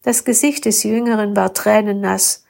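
A woman reading a first-person story aloud with calm, steady narration. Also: mid-range voice, moderate pace, creaky. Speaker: story reader.

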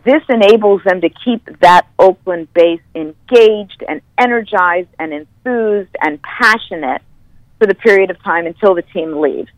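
A woman football analyst telling stories as a podcast guest, animated and stopping to correct herself. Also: medium pitch, a little slow, dry recording, highs cut off. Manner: animated storyteller, corrects herself mid-sentence. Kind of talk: podcast interview.

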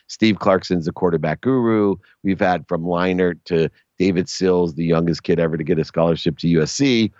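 A middle-aged man, a sports agent guest, telling stories in a casual, animated way and jumping to a high pitch when he quotes people. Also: normal speed, few pauses, dry recording. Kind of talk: casual storytelling. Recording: dry, dull lo-fi sound.

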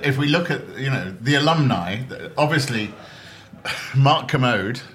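A man's voice: medium pitch, expressive, moderate pace, a bit bright. Wry, frank man in casual chat. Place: restaurant table.

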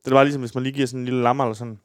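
Man, podcast co-host, rambling crude anecdotes, lots of hesitation, average pitch, dry close sound. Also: little pitch movement, no room sound. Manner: rambling, crude storytelling with many fillers. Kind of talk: casual podcast chat.

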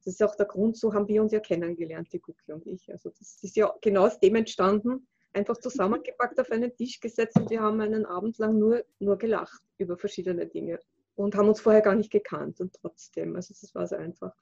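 Woman guest, gravelly husky voice, dull dry lo-fi recording. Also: medium pitch, fairly even intonation, fast, a little mellow, no room sound. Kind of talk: casual chat.

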